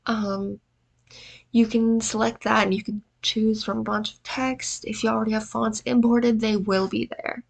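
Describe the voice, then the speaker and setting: A woman presents a video editing tutorial in a fairly high, creaky voice with little pitch movement, speaking a little slowly. Tired and allergy-congested, she keeps her narration casual and pokes fun at herself.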